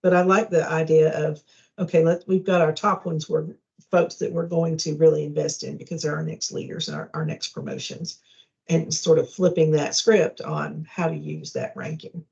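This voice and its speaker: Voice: mid-range voice, moderate pace, vocal fry, a little mellow. A speaker in a casual work meeting, reflective and agreeable, thinking aloud about the issue. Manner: agreeable, reflective, many backchannels. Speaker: colleague in a work discussion. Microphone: video call. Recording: dull lo-fi meeting call.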